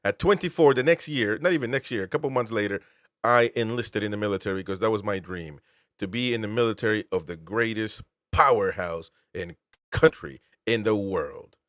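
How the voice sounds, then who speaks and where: A man's voice: fairly low pitch, fairly quick, a bit bright, no room sound, studio quality. A man from Peru, host and military veteran, giving political commentary with emphatic, incredulous rhetorical questions.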